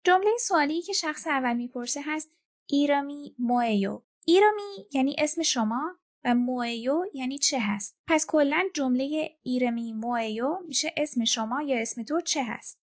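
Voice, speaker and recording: A woman giving a scripted language lesson, speaking clearly and patiently and repeating each example slowly. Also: high voice, animated. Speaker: language teacher.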